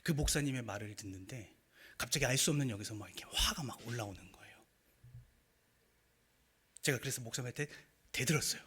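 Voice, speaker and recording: A young man preaching a sermon, telling a personal story in a lively, animated way. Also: mid-range voice, brisk, long pauses, husky. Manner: animated storytelling with acted quotes and rising emotion.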